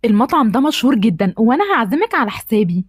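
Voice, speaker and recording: A woman's voice: a little high, animated, racing, breathy edge, no room sound, studio quality. A woman voicing a confident schoolboy with an Egyptian accent, persuading a classmate. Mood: coaxing. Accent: Egyptian Arabic. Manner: persuasive, coaxing. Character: confident schoolboy asking a girl out.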